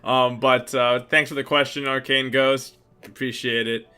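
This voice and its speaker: A man's voice: mid-range voice, flat delivery, a little slow, pushed and bright, clean tone. A young man co-hosting a casual chat about anime, answering viewer questions in a laid-back, rambling way with plenty of fillers. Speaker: channel co-host.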